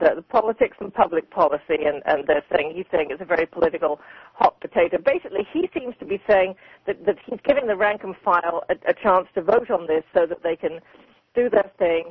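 A woman's voice: on the low side, slightly rough, dry recording. Woman reporting over a landline phone. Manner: thinking aloud with many ums and restarts. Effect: heard over a landline home phone. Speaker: political correspondent reporting by phone. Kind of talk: live radio phone-in report. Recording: crackly narrow landline phone audio.

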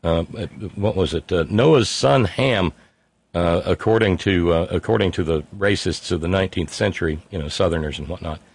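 A man running a live stream reads his chat aloud, his off-the-cuff talk wry, rambling, and full of fillers and restarts. His voice sits low and is creaky with a breathy edge, at a moderate pace. There's no room sound.

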